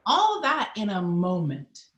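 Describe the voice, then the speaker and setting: Trinidadian woman, middle-aged, guest recounting her past with animated voices, echoey room. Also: mid-range voice, a little slow, highs cut off. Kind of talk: personal storytelling in an interview. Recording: roomy echo.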